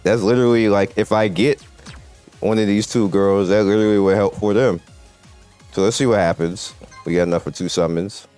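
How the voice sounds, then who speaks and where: Fairly low-pitched and brisk, this man's voice is a little mellow, clear and resonant, with fairly even intonation. As host of a mobile game channel, he addresses viewers and developers with casual, emphatic gameplay commentary, often repeating himself. Music runs underneath.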